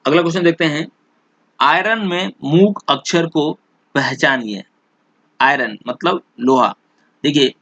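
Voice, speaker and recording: A male teacher explaining English exam questions in Hindi, reading the example sentences out slowly and often checking back with "theek hai". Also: on the high side, fairly bright tone, no room sound, dull audio.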